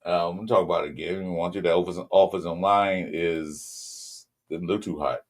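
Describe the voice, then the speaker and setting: A man with a Southern California accent hosting a casual sports podcast, rambling loosely with lots of ums and shout-outs to viewers. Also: low voice, steady tone, moderate pace. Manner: loose, rambling delivery with many ums, greets viewers mid-talk. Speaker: podcast host.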